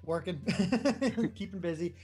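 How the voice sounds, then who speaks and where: A man's voice: high-pitched, lively intonation, slow, a little mellow, breathy edge. A man chatting casually as co-commentator on a gaming stream, easygoing and a little hesitant in his phrasing. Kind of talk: casual chat. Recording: game music behind the voice. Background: video game music.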